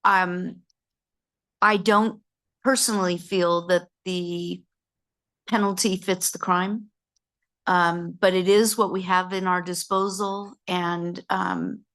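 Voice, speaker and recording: A woman's voice: on the low side, flat delivery, slow pace, a bit bright. A woman board member commenting at a public meeting, hesitant and full of fillers.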